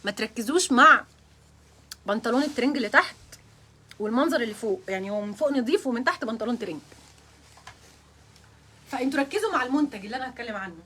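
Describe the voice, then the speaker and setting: A young Egyptian woman chatting on a live stream with a high, bright voice and a quick, tumbling delivery. She sounds flustered and nervous, laughing her way through her lines. A faint hum of room ambience sits behind her. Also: expressive. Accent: Egyptian Arabic. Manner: giggly, flustered and nervous, often breaking into laughter. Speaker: beauty blogger hosting a live stream. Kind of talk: casual live-stream chat with viewers.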